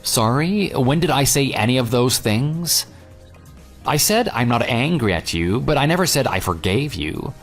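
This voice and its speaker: The jilted ex-fiancé of this audio drama, played by a man, narrates and delivers dialogue in a sing-song, slightly slow way. His medium-pitched voice sounds dry and dismissive, sarcastic, unyielding and self-assured, with light music beneath.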